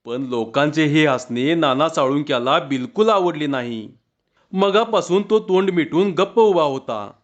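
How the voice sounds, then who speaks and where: A man's voice: on the high side, animated. Man telling a humorous village story. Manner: measured narration with voiced dialogue. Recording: dull lo-fi recording.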